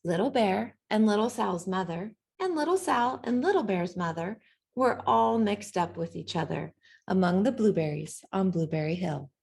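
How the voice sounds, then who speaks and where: A woman reading a children's picture book aloud in an expressive storytelling manner, acting out the sounds and dialogue. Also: mid-range voice, moderate pace, vocal fry, slightly rough. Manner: animated, acts out sounds and dialogue. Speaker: storybook reader.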